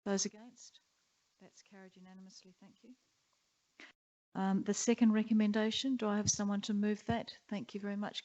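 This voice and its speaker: Woman chairing a council meeting, flat voice. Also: medium pitch. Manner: brisk, procedural. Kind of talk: formal meeting procedure. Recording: dull muffled council chamber audio.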